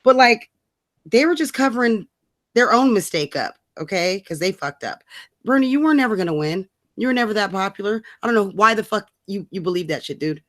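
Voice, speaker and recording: A woman co-hosting a political rant show talks in a mid-range, animated voice, a little fast. Exasperated and slangy, she swears freely through loose, chatty, profane rants.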